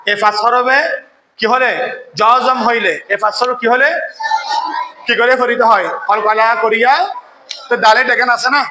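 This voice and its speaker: A man's voice: very high voice, little pitch movement, reverberant, background noise. A man teaching a Quran recitation lesson who quizzes his students and keeps checking that they follow. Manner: quizzes students, often asks "কেমন?" to check understanding; chants verses slowly when demonstrating recitation. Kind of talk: classroom tajweed lesson.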